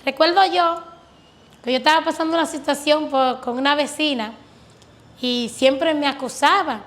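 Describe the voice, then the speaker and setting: A woman's voice: high voice, moderate pace, a bit bright. A woman earnestly telling her religious testimony as a guest, recounting prayers and answers with fervent conviction. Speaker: guest giving a faith testimony.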